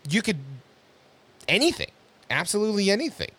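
A man's voice: sits high, sing-song, a little fast, sharp tone, slightly rough. A man hosting a casual podcast chat, crude and joking, laughing often. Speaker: podcast host.

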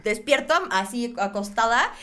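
A young woman with a Mexican accent co-hosting a casual couple podcast, chatty and quick with agreeing interjections. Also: on the high side, lively intonation, pushed and bright. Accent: Mexican Spanish. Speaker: podcast co-host.

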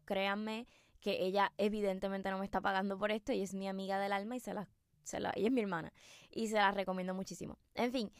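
A woman's voice: mid-range voice, creaky, dry recording, clean studio sound. A woman hosting a podcast, telling a story casually and chattily with many fillers and asides to her listeners. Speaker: podcast host.

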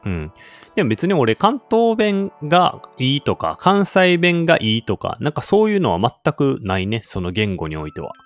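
A man's voice: mid-range voice, huge pitch swings, normal speed, soft background music. A man from Shiga with a Kansai accent slipping into standard Japanese, co-hosting a casual podcast, reading a listener's letter and laughing easily. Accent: Kansai, mixed with standard Japanese. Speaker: podcast co-host. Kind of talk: casual chat.

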